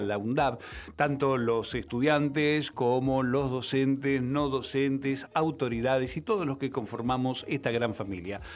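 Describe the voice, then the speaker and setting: A man hosting a university radio program, introducing segments in a measured announcer delivery. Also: medium pitch.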